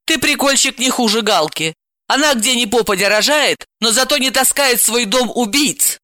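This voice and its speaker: A woman voicing a hot-tempered young woman who scolds and snaps in a high, indignant voice, in a storybook reading. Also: lively intonation, moderate pace, pushed and bright, no room sound, clean studio sound. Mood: scolding.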